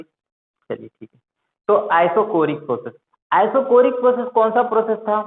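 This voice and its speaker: A male teacher gives a classroom lecture. He keeps asking the class questions and then answers them himself. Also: high-pitched. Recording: echoey room over a tinny, phone-like line.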